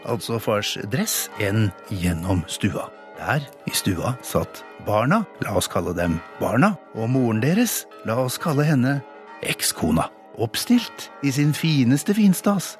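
A middle-aged man telling a personal story on radio, animated and acting out his own outbursts. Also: mid-range voice. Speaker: radio host reading a personal Christmas story. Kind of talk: storytelling monologue.

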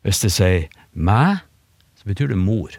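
Male radio panel expert, low voice, dry studio mic; patient explainer with lots of hesitations. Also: expressive, a little mellow, dry recording. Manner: patient, explanatory, with many fillers and restarts. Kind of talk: explaining on a radio talk show.

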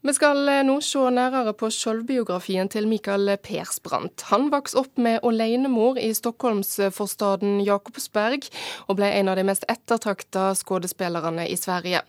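A woman's voice: medium pitch, a little mellow, no echo, studio quality. A woman presenting live radio news as the host, introducing items and putting questions to guests.

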